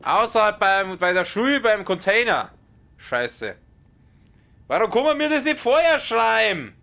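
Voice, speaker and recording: A young Bavarian man streams a game with a loud, strong voice that can sound like shouting even in normal talk. His pitch sits a little high and swings around a lot, with a bright, forceful edge. He is excitable and quick to swear at the game. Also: creaky. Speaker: let's play streamer. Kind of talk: live game commentary.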